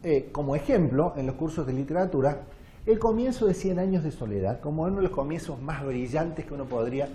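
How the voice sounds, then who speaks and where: Argentine male music lecturer, high animated voice, audience-focused. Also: a little fast, a little hiss or hum. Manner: animated, demonstrative, addresses audience with questions. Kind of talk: lecture with sung and recited examples. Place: lecture hall.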